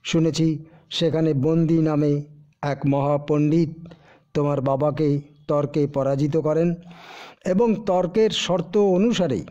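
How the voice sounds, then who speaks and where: A man voicing a grieving mother gently confessing to her son, in a dull lo-fi recording. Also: on the high side, steady tone, slow pace, long pauses. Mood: sorrowful. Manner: sorrowful, gentle.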